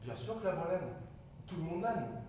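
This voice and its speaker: An actor playing an anxious, touchy parent figure in a live stage play, declaiming and swinging between hushed and loud. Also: male voice, on the high side, big pitch swings, moderate pace. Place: theatre stage. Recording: echoey hall from far off, room hiss.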